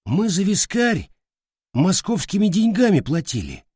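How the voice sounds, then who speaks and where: Man doing a slow, quiet goblin. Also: high-pitched, wildly swooping pitch, husky, no echo, clean studio sound, voice pushed up, heavily acted. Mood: glum. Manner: slow, quiet, matter-of-fact. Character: quiet plodding male red cap goblin.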